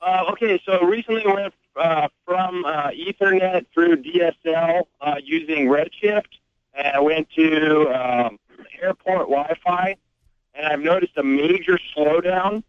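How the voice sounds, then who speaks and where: A man's voice: on the high side, measured pace, clean tone, dry recording. A man calling in to a radio show on speakerphone from home, asking a question hesitantly with many fillers. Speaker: caller. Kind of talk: call-in question. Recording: dull speakerphone call.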